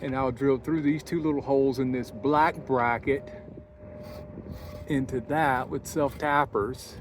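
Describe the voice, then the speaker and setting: A man's voice: mid-range voice, steady tone, measured pace. Man vlogging outdoors over wind and traffic noise. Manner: folksy, thinking aloud while working. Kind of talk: casual do-it-yourself vlog narration. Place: outdoors beside a van near a highway, windy. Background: wind and interstate traffic.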